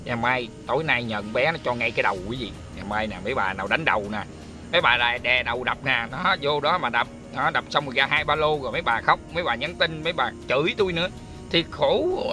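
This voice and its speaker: A man talks casually to his viewers, complaining and calling out to them again and again. His voice sits at a middling pitch. Soft music plays faintly in the background. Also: fast. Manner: chatty, complaining, addresses viewers often. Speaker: spiritual channel host. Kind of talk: casual talk to viewers and a chanted prayer.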